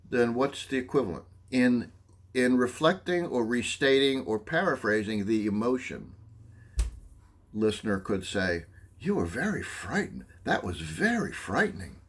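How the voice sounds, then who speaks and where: A man's voice: medium pitch, breathy edge. A man teaching a psychology lesson, explaining listening skills, often checking in with "okay?" and acting out short examples. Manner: animated, acts out examples. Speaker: psychology instructor. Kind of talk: lecture.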